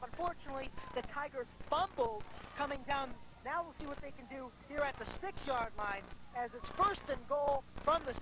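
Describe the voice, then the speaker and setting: High-pitched woman making excited touchdown calls. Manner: calls rise to excited shouts on big plays. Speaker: play-by-play football announcer. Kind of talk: live sports commentary with excited touchdown calls. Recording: noisy live outdoor game recording.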